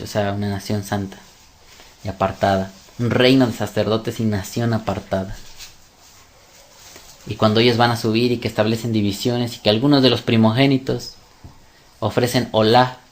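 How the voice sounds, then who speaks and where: A man teaching scripture in a sermon style, emphatic and fond of rhetorical questions. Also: lowish voice. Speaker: religious teacher.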